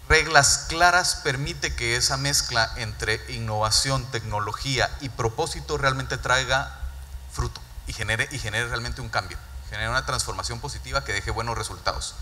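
Man from Guatemala, thirties, corporate keynote speaker, very bright tone, handheld mic in a reverberant hall. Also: medium pitch, normal speed, a little hiss or hum. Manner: earnest, repeats words while building points. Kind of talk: conference keynote talk. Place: large dark event stage.

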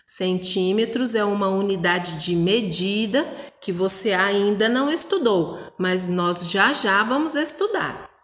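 A woman from Brazil teaches young children in a slow, patient voice, sounding out words one by one. Her voice sits at a middle pitch. The recording carries a roomy echo with a long reverb tail. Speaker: primary school teacher. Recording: echoey room with long reverb.

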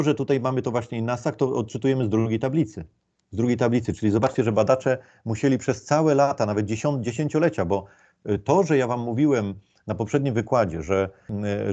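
A man delivers an informal lecture, explaining each point patiently, with plenty of hesitations and restarts. His voice is low and warm. The recording sounds dull and lo-fi. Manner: explanatory, with many fillers and restarts.

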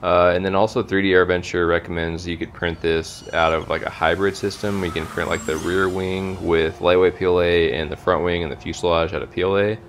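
A man with a low voice narrates in a loose, unscripted way, stopping often for easygoing uhs. A faint noise sits under his voice. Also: a little fast, few pauses. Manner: relaxed, many filler uhs. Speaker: RC hobby channel host. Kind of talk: casual voice-over narration.

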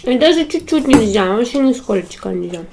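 Woman, 30s, fairly high voice, casual family mukbang table talk, dishes clinking faintly behind. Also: animated, normal speed, vocal fry, background noise. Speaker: mother in a family mukbang vlog. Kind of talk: casual mealtime chat, mukbang. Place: small indoor room at a dining table. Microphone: camera across the table.

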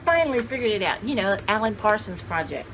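This vintage-finds vlogger, a woman in her sixties, has a medium-pitched, fairly bright, sing-song voice and talks a little fast. She rambles casually and folksily to the camera with lots of exclamations, often speaking to herself and her audience amid a cluttered, shelved room. The rough recording has a little hiss or hum.

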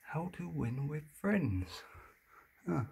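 A man with a fairly high but creaky, darkish voice and a breathy edge takes it slowly, his pitch swinging widely. This urban exploration vlogger mutters sweary commentary to himself and his viewers while poking around a cluttered, dusty abandoned house. A handheld phone or camera picks it up, with plenty of noise and clicks.

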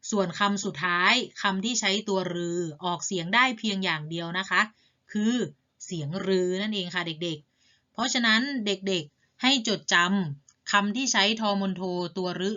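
A woman's voice: medium pitch, sharp tone, dull audio. A woman teaching a reading lesson to primary school children in a patient, polite way. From Thailand.

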